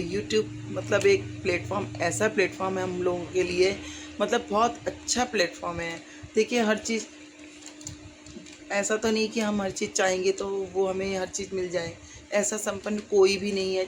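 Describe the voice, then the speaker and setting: A woman's voice: medium pitch, noisy background. A middle-aged woman vlogger speaking earnestly and casually to her viewers, rambling with many fillers. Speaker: YouTuber.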